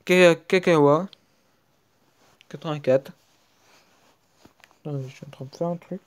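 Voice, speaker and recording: A man with a French accent commenting casually as he opens card packs in a video game, muttering between loud excited outbursts. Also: on the high side, unhurried. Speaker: gaming video creator. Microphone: screen-recording app mic.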